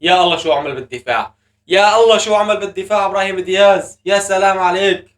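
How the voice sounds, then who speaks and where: A man hosting a live football match reaction, shouting and chanting at the goals. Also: high voice, fast talker, distant mic, a little hiss or hum. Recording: echoey room, voice a bit off mic.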